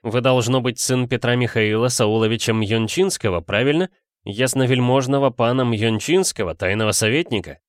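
A man voicing a confident, shameless gentleman police detective who speaks with poised irony. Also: mid-range voice, normal speed, no echo, studio quality, natural voice. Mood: probing.

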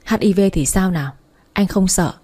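A woman reading a story aloud, voicing a gentle, teasing young man who comforts his girlfriend, in a soft husky voice. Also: lowish voice, moderate pace. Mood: tender.

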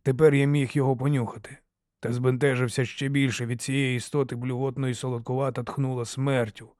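A man reading an audiobook in a steady, measured first-person telling. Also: mid-range voice, no room sound, clean studio sound. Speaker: audiobook reader. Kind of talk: scripted audiobook narration.

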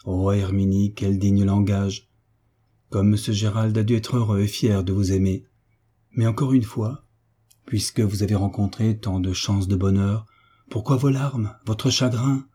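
A man's voice: lowish voice, fairly even intonation, a little slow, mellow, husky. A man voicing an anxious young heiress in an audiobook, full of astonished questions. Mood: consoling. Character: young rich heiress, anxious concerned friend. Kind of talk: audiobook reading.

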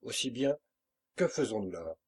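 A man's voice: fairly low pitch, expressive, moderate pace, darkish tone, slightly rough. A man reading an audiobook, voicing a fierce, hot-tempered pirate captain who talks in brusque, commanding bursts. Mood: blustering.

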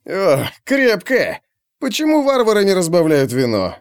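A man's voice: a little high, big pitch swings, measured pace, a little mellow, clean tone, no echo, studio quality, pitched above the performer's own voice. A man voicing a crude, mocking young conspirator who grumbles and jeers.

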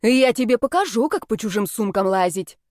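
A woman voicing a hot-tempered young witch who scolds and threatens in shrill outbursts. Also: animated, moderate pace, a little mellow, no echo, studio quality, natural voice. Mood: furious.

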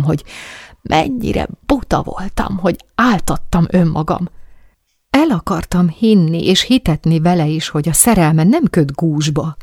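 Hungarian woman reading an audiobook, first-person narration, husky breathy voice, dry close recording, confessional tone. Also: deep voice, a little mellow, no room sound. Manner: intimate, confessional storytelling.

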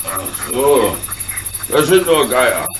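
A man's voice: medium pitch, sing-song, takes it slowly. A man playing a burly, kindly, fatherly locomotive engineer in a German radio play, earnest and comradely in manner. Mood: calm, reassuring. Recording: noisy recording with cricket chirps behind. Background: chirping crickets, night ambience.

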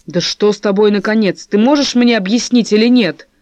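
Woman reading as a sharp-tongued angry wife. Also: mid-range voice, brisk, no room sound, natural voice. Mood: indignant. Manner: forceful, cutting, indignant. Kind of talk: audiobook character voice.

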